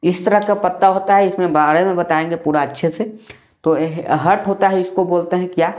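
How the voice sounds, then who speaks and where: A man's voice: high voice, steady tone, fairly quick, a little mellow. A man teaching a maths class casually, repeating himself and asking and answering his own questions.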